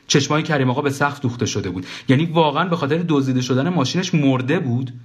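A male storyteller reading a comic first-person story aloud. His narration is dry and wry, set at a middling pitch for a man, and it moves along in an even, unhurried way.

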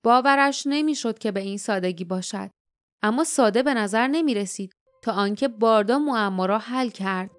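A woman narrating an audiobook in a steady storytelling manner. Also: on the high side, no echo, studio quality.

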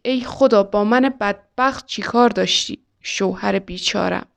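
A woman's voice: mid-range voice, gravelly, natural voice. A woman voicing a theatrical wailing widow. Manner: lamenting. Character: grieving widow, showy, wailing.

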